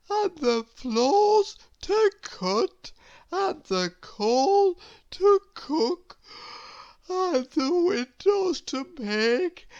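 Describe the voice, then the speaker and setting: Woman playing groaning, high-pitched, dazed Mr Lazy. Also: darkish tone, muffled recording, heavily acted. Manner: groaning, drawn-out muddled speech. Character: weary, dazed, lazy little man, groaning miserably.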